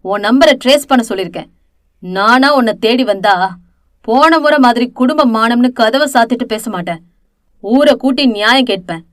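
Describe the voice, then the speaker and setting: A woman voicing a loud, menacing villain man. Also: on the high side, lively intonation, moderate pace, no echo, clean studio sound, lightly acted. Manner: aggressive, threatening, loud. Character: menacing, furious young man threatening by phone.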